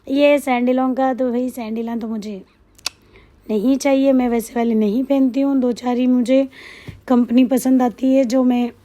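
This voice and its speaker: A woman with a hoarse throat from a cold, rambling chattily in a casual vlog voice-over. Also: sits high, fairly even intonation, a little slow, dark tone. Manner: chatty, rambling, repeats herself. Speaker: shopping vlogger.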